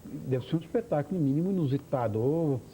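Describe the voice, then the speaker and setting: A man's voice: fairly high pitch, lively intonation, fast talker, mellow, slight background noise, rough recording. A man hosting a TV talk show, introducing guests with effusive praise. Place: TV studio.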